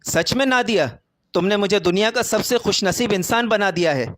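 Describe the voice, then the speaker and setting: A man's voice: sits high, animated, a bit bright, no echo, clean studio sound. A man voicing an earnest devoted young husband. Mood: joyful. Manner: earnest, firm.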